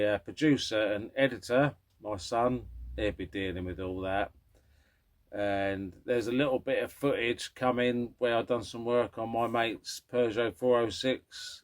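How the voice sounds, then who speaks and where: Low-voiced grumpy man, rambling. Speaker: host of a classic car vlog. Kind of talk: casual, rambling vlog talk.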